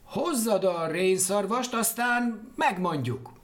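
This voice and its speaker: Jackdaw flock voiced by a man: high, slow, sly and sing-song. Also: expressive, a bit bright. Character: frightened chattering flock of jackdaws.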